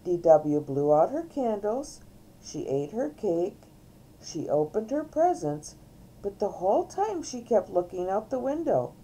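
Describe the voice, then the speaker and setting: An older woman, a great-grandmother, reading a storybook aloud to small children in a gentle, coaxing way at home. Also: mid-range voice, sing-song, unhurried, slightly rough, poor audio. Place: at home, filmed by a family member.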